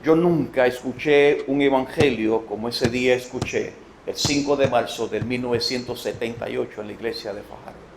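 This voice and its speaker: A man around sixty with a Puerto Rican accent, preaching a sermon and telling his testimony, moving from storytelling to shouted emphasis. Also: medium pitch, normal speed, noisy background. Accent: Puerto Rican Spanish. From Puerto Rico. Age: late 50s or 60. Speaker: evangelist. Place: church sanctuary. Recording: echoey church room.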